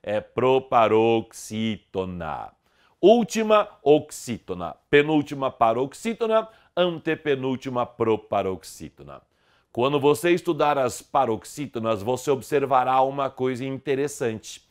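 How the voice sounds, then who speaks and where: A man giving an online grammar lesson, explaining word stress in a didactic way and slowly stressing syllables. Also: medium pitch, lively intonation, clean tone. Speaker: grammar teacher.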